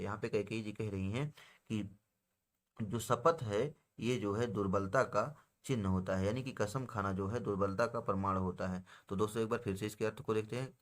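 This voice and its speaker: Low, flat-voiced male poetry teacher. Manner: recites each verse slowly, then paraphrases it in plain words; addresses viewers as friends, with frequent filler phrases. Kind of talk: explaining a Hindi poem line by line.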